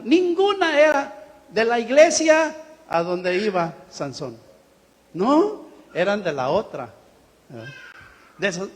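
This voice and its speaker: A man preaching a lively sermon, his voice sitting high for a man. He acts out the quotes with dramatic swings in tone and laughs from time to time. The church hall gives his voice a long, ringing reverb.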